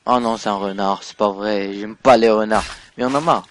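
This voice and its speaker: A man giving let's play commentary while playing a game, excitable, swinging from mumbled asides to loud outbursts. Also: on the low side, normal speed. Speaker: gaming YouTuber.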